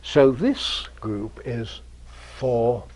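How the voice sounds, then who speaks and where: A man giving an informal university math lecture, pausing often with ums and uhs and adding dry humor. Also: medium pitch, animated, darkish tone. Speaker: mathematics professor lecturing. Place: lecture room with audience.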